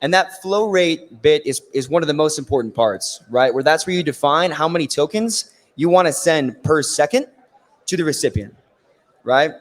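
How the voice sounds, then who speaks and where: A man with a raspy, worn voice giving a technical conference presentation, explaining things step by step and often checking in with "right?". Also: a little high, animated, normal speed. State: losing his voice. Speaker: conference speaker. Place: conference stage in a large hall. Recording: long hall reverb.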